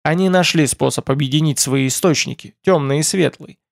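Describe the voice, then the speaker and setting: Audiobook: man reading a gracious, inquisitive ruler, formal speech, gravelly. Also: on the high side, a little fast, no room sound, clean studio sound. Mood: courteous. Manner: formal and polite. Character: courteous, curious lord of a nonhuman race.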